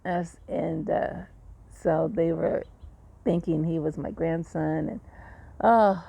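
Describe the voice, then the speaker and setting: A woman's voice: deep voice, fairly even intonation, slow pace, vocal fry, dark tone, slightly rough. An older woman casually telling the story of her hospital stay, rambling and conversational with many fillers. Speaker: patient sharing her story. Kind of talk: casual personal update.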